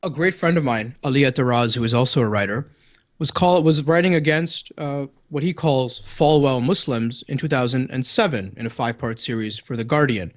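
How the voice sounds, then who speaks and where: A man's voice: mid-range voice, brisk. A man with a Canadian accent, a guest on a podcast, arguing his case insistently. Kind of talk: debate-style interview.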